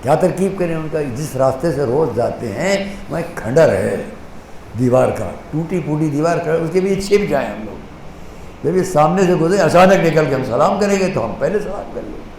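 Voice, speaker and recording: A man with an Indian Urdu accent delivers an impassioned sermon in a slightly raised voice. He stretches quoted scripture out slowly and drops low for small acted-out exchanges. The hall around him is echoey, with a faint hum of ambience. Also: expressive, a little mellow. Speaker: maulana preaching at a majlis. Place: mourning hall.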